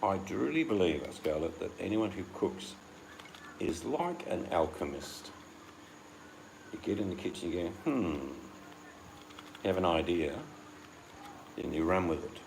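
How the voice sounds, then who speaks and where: A man with a very low voice and a gravelly, crackly edge, talking in a loose, rambling chat. He hosts the talk and slips into the voices of the people he quotes. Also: animated, a little slow, long pauses, a little mellow. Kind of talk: casual chat.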